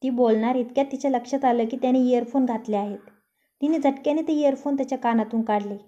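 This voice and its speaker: A woman narrating a story aloud in a steady, even reading voice. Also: high-pitched, fast talker. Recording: dull lo-fi recording.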